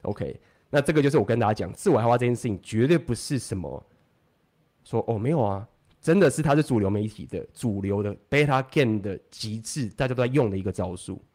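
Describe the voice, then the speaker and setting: Fast-talking man in casual chat. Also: on the low side. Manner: fast, animated, swears casually, many restarts.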